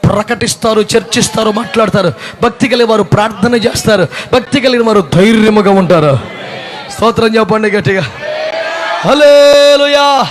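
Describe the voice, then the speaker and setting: High-voiced fiery preaching man. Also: background noise. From India. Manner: fiery preaching, often shouting, scolding rhetorical questions. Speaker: pastor. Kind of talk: sermon. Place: church congregation.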